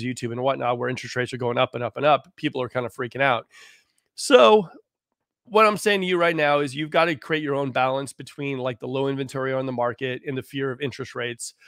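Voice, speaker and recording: Hoarse rambling real estate man. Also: medium pitch, fairly bright tone, no room sound, clean studio sound. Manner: rambling, full of "you know" and "like". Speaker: real estate agent hosting a live stream. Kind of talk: casual live-stream market talk.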